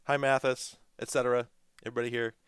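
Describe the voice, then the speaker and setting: A man's voice: mid-range voice, flat delivery, fast talker, clean tone, dry recording, studio quality. A man in his thirties co-hosting a casual livestream chat, rambling and joking with a ready laugh. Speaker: livestream co-host.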